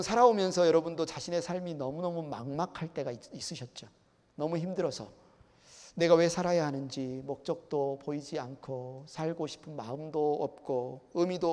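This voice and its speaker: Korean pastor preaching in reverberant church. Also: male voice, a little high, darkish tone. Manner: earnest preaching, acting out quoted voices with rising emphasis. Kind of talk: sermon. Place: church sanctuary. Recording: long reverb of a church hall.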